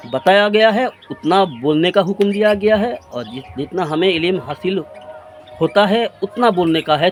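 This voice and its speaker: A man's voice: medium pitch, slight background noise. A man in his forties delivering an earnest, reproachful religious sermon to his friends, piling up repeated phrases. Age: 40s. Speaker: preacher.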